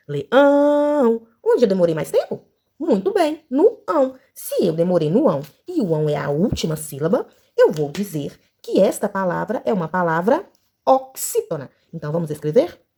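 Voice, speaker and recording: A woman teacher with a Brazilian accent speaks to young children with a bouncing, very expressive pitch. She draws out words slowly and sings syllables to make them easy to follow. Her voice sits at an ordinary middle pitch. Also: gravelly, husky. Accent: Brazilian Portuguese. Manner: slow, sing-song syllables for children. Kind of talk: children's lesson.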